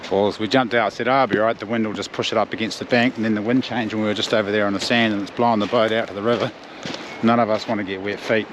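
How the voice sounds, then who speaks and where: A man's voice: lowish voice, fairly even intonation, fast talker, background noise. A man with a broad New Zealand accent chatting casually for an outdoor vlog in a laconic, slangy way. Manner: laconic, slangy, swears easily. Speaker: outdoor hunting vlogger. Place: outdoors in bush and by a river.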